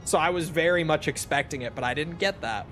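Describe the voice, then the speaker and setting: A man speaks a little fast in a fairly high, slightly bright voice, soft music playing behind him. He's streaming a game and casually replying to viewers, rambling, self-deprecating, and freely profane.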